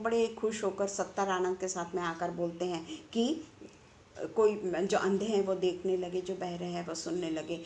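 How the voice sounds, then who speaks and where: A woman's voice: medium pitch, a little mellow. Woman, rhetorical-question preaching, roomy echo, light background noise. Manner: conversational, asks rhetorical questions. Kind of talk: online sermon.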